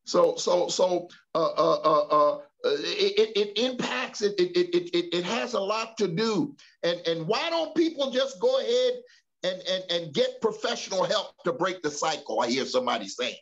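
A man's voice: high voice, sing-song, normal speed, muffled recording. A man teaching a church Bible study in a preacherly way, repeating and restarting words and calling on the group to respond.

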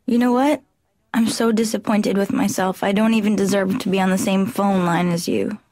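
A woman voicing a dry, sarcastic office receptionist in an animated sitcom. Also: fairly high pitch, moderate pace, lightly acted.

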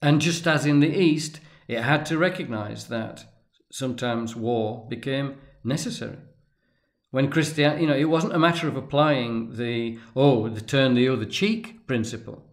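A medium-pitched man, a tarot and religion commentator, gives a long unscripted lecture. He speaks deliberately and haltingly, pausing often for emphasis and restarting as he stresses key words.

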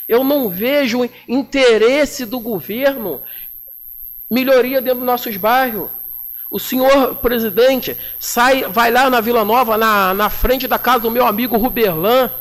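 Brief: high-pitched Brazilian councilman in his 40s, combative and slangy, speaking at a chamber desk mic. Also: a bit bright. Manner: combative, indignant, with colloquial slang. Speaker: city councilman. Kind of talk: plenary floor speech. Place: municipal council chamber, indoors. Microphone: desk microphone.

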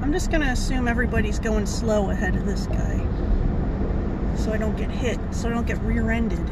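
A fairly high-voiced woman chats as she drives, rambling and restarting her sentences. She is recorded by a dashboard camera some distance from her face. Loud road noise runs under her voice the whole time. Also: brisk. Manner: chatty, rambling, restarts often while driving. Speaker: vlogger. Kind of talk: casual car vlog chat. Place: inside a car on a highway. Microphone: dashboard camera in front of the driver. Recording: road noise, mic set back.

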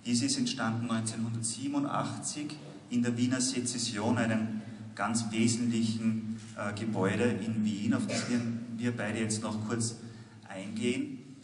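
A man's voice: fairly low pitch, fairly even intonation. Formal man moderating in an echoey hall. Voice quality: polite, formal, with frequent filler pauses. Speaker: museum director and curator, moderator. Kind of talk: formal welcome and interview moderation. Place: large exhibition hall, indoors. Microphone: handheld mic. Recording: echoey hall with ambient noise.

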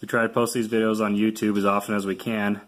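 A man's voice: fairly low pitch, flat delivery, fast talker. A young man, a contractor, casually explaining step by step how he built a project, filmed on a phone at arm's length in a living room. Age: young adult. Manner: plain, practical, step-by-step talk. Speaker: contractor showing a woodworking project. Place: living room at home, indoors. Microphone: phone camera at arm's length.

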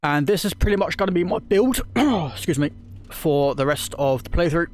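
Still getting over a throat infection, a male gaming YouTuber offers loose let's-play commentary, rambling and restarting with frequent ums. His fairly high voice has a darkish tone, moving at a moderate pace and sounding expressive, with slight noise behind it.

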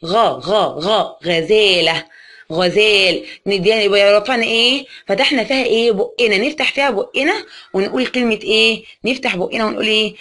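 A woman with an Egyptian accent teaching a reading lesson to young children. She asks question after question, answers them herself, and draws out words slowly. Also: mid-range voice, fairly bright tone. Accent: Egyptian Arabic. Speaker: primary school teacher.

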